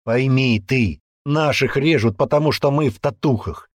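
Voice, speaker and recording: A man voicing a hot-tempered, brutish young man who rants and yells threats in an audiobook. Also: medium pitch, normal speed, no room sound, clean studio sound, pitched above the performer's own voice, natural voice. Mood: ranting. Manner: aggressive ranting, yelling threats. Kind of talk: audiobook character voice.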